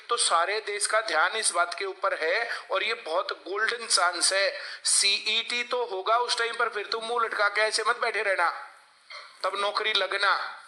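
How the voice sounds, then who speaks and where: A man's voice: high voice, bright, forceful tone. A male coaching teacher, lecturing a class and often asking the students to answer him. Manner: lecturing, asks class for replies.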